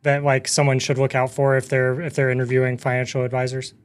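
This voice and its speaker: A man co-hosting a podcast, chatting casually in a tentative, halting way. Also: medium pitch, monotone. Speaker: podcast co-host. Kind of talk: casual chat.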